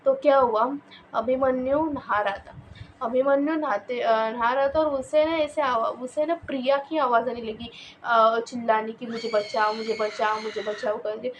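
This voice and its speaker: Woman storyteller, higher pitch, casual halting horror tale, slight background hiss. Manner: halting, with fillers and restarts, retelling dialogue in her own voice.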